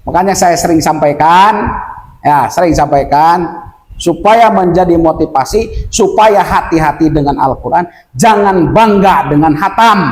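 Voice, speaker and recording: A man from West Kalimantan teaching Quran recitation rules to village men, explaining patiently and chanting verses slowly to demonstrate. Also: high-pitched. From West Kalimantan, Indonesia. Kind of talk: tajwid lesson for village men. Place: village prayer gathering room. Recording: echoey room.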